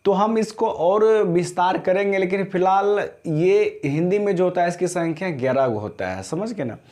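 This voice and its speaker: A man teaching a grammar class, explaining slowly and often checking whether students understood. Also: high voice, expressive, darkish tone. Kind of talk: classroom lesson.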